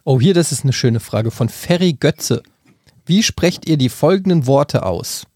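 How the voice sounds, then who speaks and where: A man in his thirties with a mellow, slightly higher voice, bantering on a podcast. He reads listener questions aloud and teases his friends. The sound is dry and close. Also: lively intonation, measured pace, slightly rough, no room sound. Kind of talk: casual banter.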